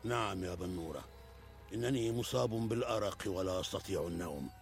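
A man's voice: sits low, brisk, soft background music. An actor playing an arrogant, pompous pharaoh-like king who thinks himself a god, declaiming in a historical drama. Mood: troubled, brooding. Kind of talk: Arabic historical drama acting.

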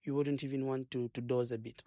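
A man with a Zambian accent, a gospel singer and minister, talking earnestly in a radio interview, preaching as he goes and filling pauses with "uh" and "um". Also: mid-range voice, flat delivery, warm tone, no echo, clean studio sound. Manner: earnest, preachy, rambling with many fillers.

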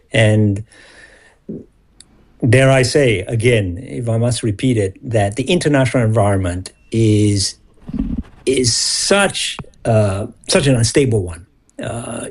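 A man who grew up in Singapore, speaking as an expert guest in a measured, analytical way. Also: medium pitch, a little mellow. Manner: measured, analytical, restarts on words. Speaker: guest expert on foreign policy. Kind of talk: broadcast interview.

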